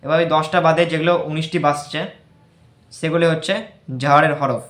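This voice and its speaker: A man with a Bangladeshi Bengali accent teaching Quran recitation, who explains slowly and repeats single letter sounds as drills. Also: fairly high pitch, flat delivery, a bit bright. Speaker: tajweed teacher. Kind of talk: religious recitation lesson. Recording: echoey room.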